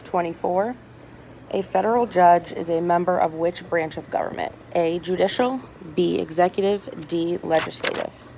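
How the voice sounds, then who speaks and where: A woman reading multiple-choice test questions aloud item by item in a hospital room, deliberately and with small stumbles. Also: fairly low pitch, steady tone, creaky, mellow. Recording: noisy hospital room with background chatter. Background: people talking, ambient noise.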